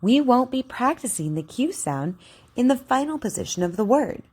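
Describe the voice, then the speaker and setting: A woman giving an instructional speech drill, over-enunciating in a deliberate, careful way as she models sentences for repetition. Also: a little high, very animated, darkish tone, husky. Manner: encouraging.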